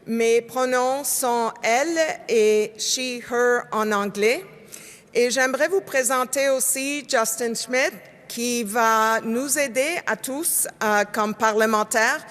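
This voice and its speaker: A woman co-chairing a convention, greeting the floor in an unhurried, friendly manner. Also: a little high, fairly bright tone. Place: large convention hall. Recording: long reverb of a large hall.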